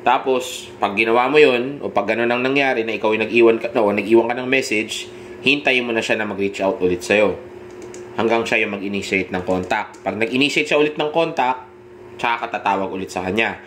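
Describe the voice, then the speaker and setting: A man with a Filipino accent giving dating advice in a direct coaching monologue, often pausing to check in with the listener. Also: fairly low pitch, fairly bright tone, a little hiss or hum. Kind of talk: instructional monologue.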